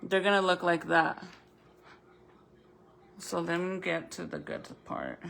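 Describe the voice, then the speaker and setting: A woman's voice: fairly low pitch, fairly even intonation, slow pace, vocal fry, a bit bright, a little hiss or hum. A woman chatting casually and informally to viewers as a vlogger, thinking aloud in a rambling way, her speech slightly impeded by a retainer in her mouth. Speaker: vlogger showing crafts and baking.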